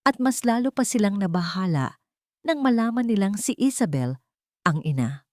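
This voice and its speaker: A woman narrates a scripted dramatic story in a mid-range, slightly mellow voice with lively intonation at normal speed. The recording is dry, with clean studio sound.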